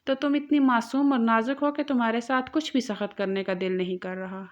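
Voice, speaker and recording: A woman's voice: fairly high pitch, fairly even intonation, natural voice. A domineering young husband in an audio novel, his lines stern and commanding, as a woman narrator reads them. The recording sounds slightly muffled and lo-fi. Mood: tender.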